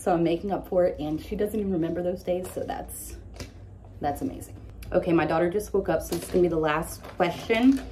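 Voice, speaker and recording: A woman's voice: on the low side, fairly quick, mellow, a little hiss or hum. A young woman with a lisp, casually answering follower questions in a candid, blunt vlog.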